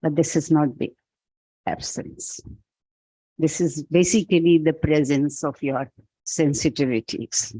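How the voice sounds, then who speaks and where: A man with a Pakistani accent gives a reflective, philosophical keynote in an event hall, speaking slowly and deliberately while pausing and restarting as he thinks aloud. His soft, mellow voice is a little high and steady in tone. The sound is close and dry, free of room echo.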